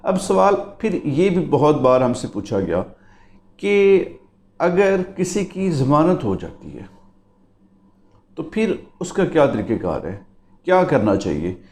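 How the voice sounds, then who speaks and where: With a high, sing-song, slightly mellow voice, this Pakistani lawyer lectures slowly on the law in a reverberant room. He explains each point in turn and keeps urging listeners to "remember" it.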